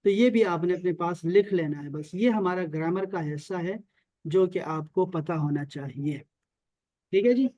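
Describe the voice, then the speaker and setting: A man's voice: sits high, warm tone, no echo. A man from Pakistan teaching an online Arabic and Quran lesson over a video call, repeating key terms and checking often that his students follow.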